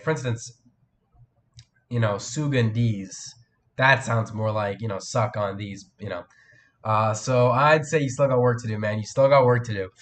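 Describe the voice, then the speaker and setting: A man's voice: medium pitch, a bit bright. Teen male streamer, sick with a cold, loose rambling chat host. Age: teens. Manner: rambling, answers chat, many fillers and restarts. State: has a cold, voice cracks. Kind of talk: casual live stream chat.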